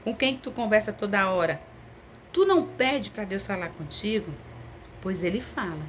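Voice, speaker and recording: A woman's voice: mid-range voice, lively intonation, normal speed, a little hiss or hum. A woman preaching a sermon in a conversational, intimate way, stretching her phrases for emphasis.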